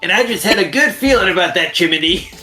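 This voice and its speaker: A man's voice: high voice, expressive, quick pace, bright, forceful tone, faint music behind, exaggerated voice. A man doing goofy braggart Larry. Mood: boastful.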